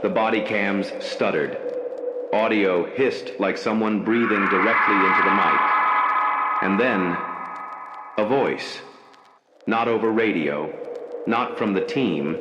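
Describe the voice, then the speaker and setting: A man with a fairly low voice tells a scripted horror story, his delivery slow, measured and ominous. He's recorded in a large, echoing room, with a constant layer of background noise beneath everything he says.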